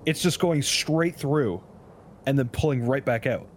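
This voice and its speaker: A man's voice: mid-range voice, a little slow, slight background noise. A man acting as game master, narrating a tabletop role-playing game in an easygoing way and laughing often.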